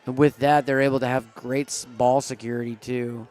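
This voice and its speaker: A man's voice: mid-range voice, level tone, moderate pace, a little mellow. A man doing live play-by-play commentary on a school football game, eager and groaning when plays go wrong. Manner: eager, pleads with referees, groans at setbacks.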